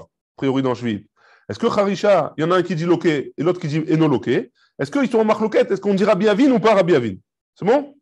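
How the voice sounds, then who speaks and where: A man's voice: a little high, a little mellow, husky. A rabbi teaching a live Talmud class, explaining step by step, mixing in Hebrew and Aramaic terms and checking with his students.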